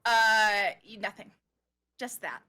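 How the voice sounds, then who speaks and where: A woman running a tabletop game as game master, narrating and explaining rules in a playful, informal, halting way. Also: mid-range voice, pushed and bright, clear, resonant tone.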